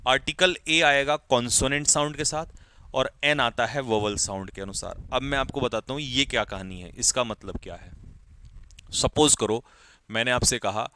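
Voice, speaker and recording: A man's voice: medium pitch, moderate pace, pushed and bright, clear, resonant tone, dry recording. A man teaching an English grammar lesson to exam students, calling out examples and quizzing the class.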